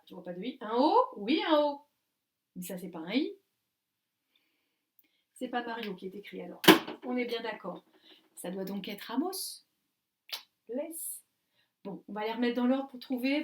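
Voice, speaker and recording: Woman, kindergarten teacher on video; slightly high, lively and sing-song, spelling slowly for small kids. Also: slight background noise. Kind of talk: remote class video lesson for young children.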